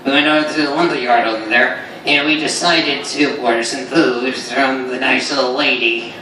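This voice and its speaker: A man's voice: medium pitch, fairly even intonation, normal speed, bright, forceful tone, lightly acted. A man voicing a brash, wisecracking puppet creature in a live ventriloquism act, speaking with his lips barely moving. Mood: cocky storytelling. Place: small indoor comedy stage, filmed from the audience. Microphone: stage mic picked up by far camera. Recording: echoey noisy hall, distant camera mic.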